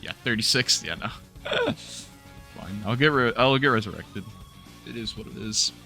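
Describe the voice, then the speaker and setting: A young man giving casual, animated let's-play commentary, laughing and swearing often while playing. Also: medium pitch, unhurried, soft background music. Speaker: gaming YouTuber. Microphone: new studio mic.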